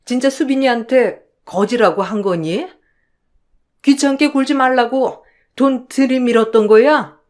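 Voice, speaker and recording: A woman's voice: a little high, unhurried, darkish tone, natural voice. A woman voicing a flustered elderly mother-in-law who pleads and exclaims.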